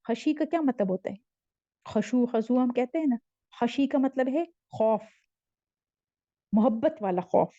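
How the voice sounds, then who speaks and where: A woman gives a religious lesson in a fairly high, mellow voice. She recites each line slowly, then explains it patiently, like a teacher with her class. The sound is dry and a little dull, as if from an online class. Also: no room sound. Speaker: Quran teacher. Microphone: screen-shared online class.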